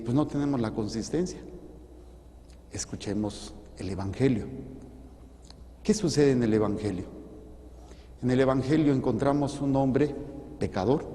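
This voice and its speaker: A man with a Mexican accent, a priest giving a lively sermon full of rhetorical questions and acted-out quotes. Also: medium pitch. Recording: long church reverb.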